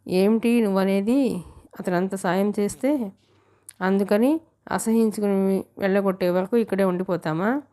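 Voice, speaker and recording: Woman reading old grandmother, scolding, reproachful, even flat tone, audiobook. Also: medium pitch, moderate pace, long pauses, close to an everyday voice.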